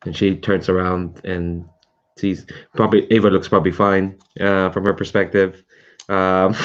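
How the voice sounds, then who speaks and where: A man's voice: low voice, clean tone. A man playing in a tabletop role-playing game, rambling and hesitant with many ums, on dull lo-fi online call audio. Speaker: player.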